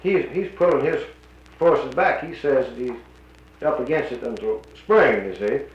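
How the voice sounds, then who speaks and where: A man's voice: mid-range voice, a little slow. Man on an old 1941 recording. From North Carolina. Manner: plainspoken and firm, cites the radio news. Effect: old 1941 archival recording. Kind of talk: casual conversation about the war. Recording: muffled, roomy old recording with faint hiss.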